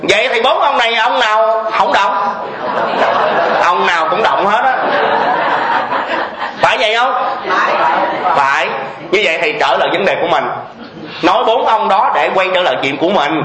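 A male Buddhist monk preaching a sermon, telling lively humorous stories, laughing often and asking the audience questions he answers himself. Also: high-pitched, moderate pace, pauses often, roomy sound, a loud crowd, low-quality recording. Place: Buddhist temple.

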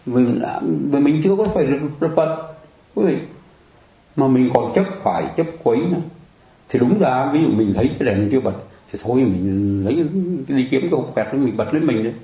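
A Buddhist preacher delivers a dharma talk sermon in a chatty, conversational way, often turning to the audience, joking and laughing. His medium-pitched voice is animated and brisk with a dark tone. The recording is rough, with a roomy sound.

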